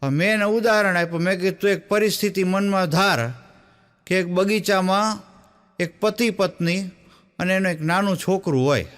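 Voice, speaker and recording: A stand-up comedian who tells folk stories and acts out the people in them, throwing quick asides to the audience. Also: male voice, high-pitched, fairly bright tone. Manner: storytelling in quoted voices, with the audience laughing along; tosses quick asides to the crowd. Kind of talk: Gujarati folk comedy storytelling on stage.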